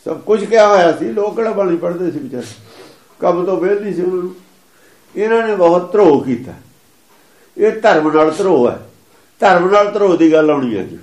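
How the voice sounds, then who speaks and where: A man preaches in a high voice, explaining scripture with emphasis. He chants and repeats the lines he quotes. The sound is roomy and echoing. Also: expressive, a little fast, pauses often, a little mellow. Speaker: religious preacher.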